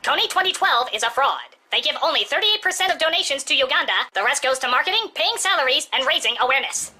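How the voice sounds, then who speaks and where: A woman's voice: expressive, fast talker, pushed and bright, full character voice. A woman playing an overwrought campaign-video narrator. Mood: earnest. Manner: earnest, escalating into shrill. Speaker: video voice-over in a sketch. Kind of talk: comedy sketch narration.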